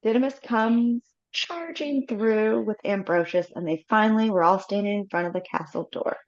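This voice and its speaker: A woman with a medium-pitched voice at normal speed reads stage directions during a live film script read-through on a video call. She keeps a steady pace despite small slips, and her computer mic gives the audio a slightly dull quality.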